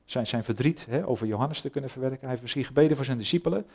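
A man preaching a sermon, retelling a Bible story in a casual, conversational way, pausing often with filler sounds. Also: medium pitch, vocal fry, a little mellow. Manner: conversational, hesitant with many fillers.

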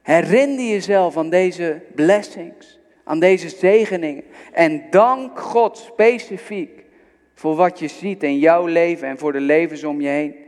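A man's voice: fairly high pitch, a little slow, darkish tone. A man preaching a sermon, earnest and exhorting, speaking directly to his listeners. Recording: long reverb of a large hall.

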